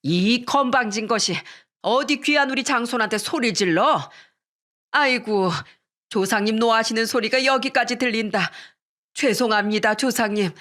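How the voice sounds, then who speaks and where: A woman's voice: fairly high pitch, normal speed, fairly bright tone, close to an everyday voice. A woman voicing a domineering older mother-in-law who scolds with contempt, in a radio story reading. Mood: indignant.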